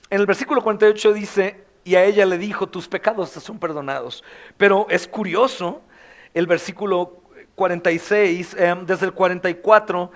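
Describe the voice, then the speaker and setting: Male pastor, high voice, Mexican Spanish accent, sermon, hushed to loud swings. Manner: acts out quoted voices and prayers.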